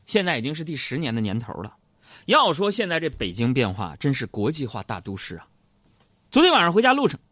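A man tells comic stories, and his voice swings widely in pitch as he acts out each scene. The voice sits a little high for a man and is recorded close and dry, with no room sound. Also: no echo. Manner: animated storytelling, acts out other voices. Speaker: comedy radio host. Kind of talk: stand-up style comic monologue.

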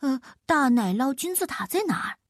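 A woman voicing a big hungry bear in a storybook read-aloud, with a drawn-out, moaning delivery. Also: high-pitched, very animated, no room sound.

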